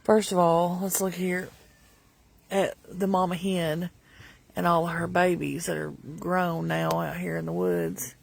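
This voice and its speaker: Slow-talking woman vlogging farm chores. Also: on the low side, expressive, gravelly. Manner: unhurried, halting, thinking aloud as she works. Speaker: homestead vlogger and mother. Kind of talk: casual farm vlog chat. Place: outdoors on a homestead. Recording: outdoor farm noise behind voice.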